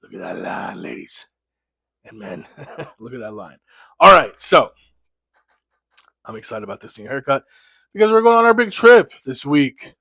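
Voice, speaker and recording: A man's voice: medium pitch, a bit bright, no room sound. Nasal man with a cold, pep talk. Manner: blunt, swears freely, pep-talk energy. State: has a cold. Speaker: online business coach. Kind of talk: motivational vlog talk.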